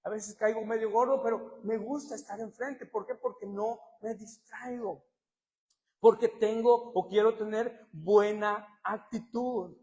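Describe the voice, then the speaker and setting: High-voiced Mexican preacher man in a hall. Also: unhurried. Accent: Mexican Spanish. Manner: animated preaching, swinging from quiet asides to shouts. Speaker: pastor. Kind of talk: sermon.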